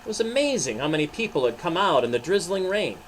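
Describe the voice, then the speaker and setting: A pastor with a fairly high voice reads a story and talks to children dramatically and emphatically, his pitch swinging widely as he speaks fast. It's animated storybook narration mixed with a children's devotional, with a little hiss or hum in the recording.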